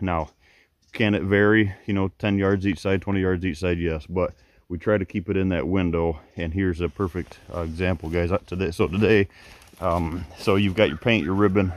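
A man's voice: deep voice, a little mellow. A man hosting a vlog as a habitat consultant, walking and talking outdoors on a rural property in a loose, rambling way that often restarts sentences. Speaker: habitat consultant and channel host. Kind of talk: casual walk-and-talk vlog.

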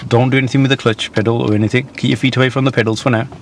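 A man's voice: medium pitch, little pitch movement, very fast. Guy in his 30s being a driving instructor in a car, step by step, keeps checking yeah?, bit of background noise. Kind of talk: instructing a learner, conversational question and answer. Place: inside a parked car.

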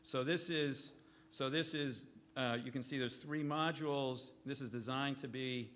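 A man in his fifties, speaking in a mid-range, somewhat bright voice with fairly even intonation, gives a keynote lecture at a podium microphone in a hotel ballroom. His delivery is halting, and he frequently stops to correct himself.

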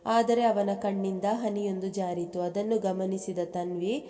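A woman's voice: mid-range voice, unhurried. Woman storyteller in a reverberant room. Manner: reads aloud at an even pace, dropping into the characters' speech for quotes. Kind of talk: narrating a love story, voicing each character's quoted lines. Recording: long reverb.

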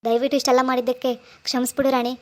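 A woman's voice: sits high, little pitch movement, rapid-fire, heavy background noise, voice pushed down, close to an everyday voice. A woman voicing a young husband in a cartoon, earnest, pleading and insistent. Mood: apologetic. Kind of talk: animated cartoon dialogue.

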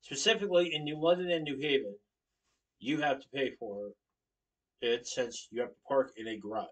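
A young man from Connecticut, USA, gives an informative class speech while standing in his living room, gesturing and occasionally correcting himself. His medium-pitched voice is a bit bright and keeps a moderate pace. He's captured at a distance by a webcam across the room.

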